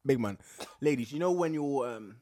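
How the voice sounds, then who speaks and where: A man's voice: medium pitch, moderate pace. A young man, co-hosting a casual chat and acting out little scenes with laughter. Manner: animated storytelling, acting out voices and laughing. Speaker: podcast co-host.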